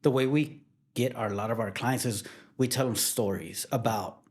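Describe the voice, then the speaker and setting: Relaxed, plainspoken male photographer. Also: mid-range voice, moderate pace, breathy edge. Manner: relaxed, repetitive restarts, plainspoken. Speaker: wedding photographer guest. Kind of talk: casual interview chat.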